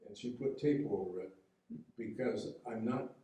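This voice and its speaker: A man's voice: on the low side, dark tone, recorded from a distance. Man giving a boat-building talk in an echoey hall. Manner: explanatory, halting with fillers and restarts. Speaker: local history talk presenter, boat builder. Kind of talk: public history lecture with slides. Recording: echoey room, heard from afar.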